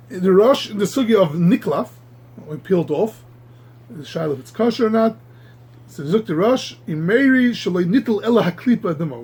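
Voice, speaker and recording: A man teaching a Talmud class, halting and repeating words, marveling aloud at the texts. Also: high voice, slightly rough. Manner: halting, repeats words while reaching for the next; animated, marvels aloud at the text. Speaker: Torah teacher.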